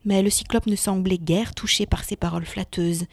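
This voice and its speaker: A woman's voice: medium pitch, normal speed, no room sound. Woman narrating a children's story, dry sound. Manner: expressive, drops to a hush in tense moments.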